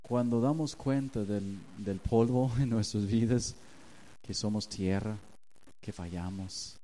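Soft-spoken pastor preaching. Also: male voice, on the low side, takes it slowly, a little hiss or hum. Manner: storytelling, acting out dialogue with God. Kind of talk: sermon.

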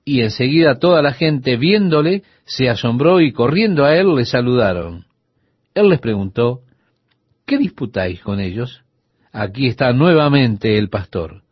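A man's voice: medium pitch, normal speed, breathy edge, dry recording, dull audio. A man teaching the Bible for radio listeners, telling a story and voicing the people in it. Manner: lively storytelling, voicing the people in his anecdote.

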